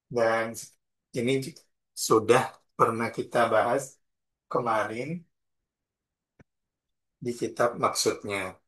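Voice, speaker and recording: Bright-voiced Indonesian grammar teacher. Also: male voice, mid-range voice, fairly even intonation. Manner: slow, deliberate, spells out forms and examples. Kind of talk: classroom lesson explaining grammar.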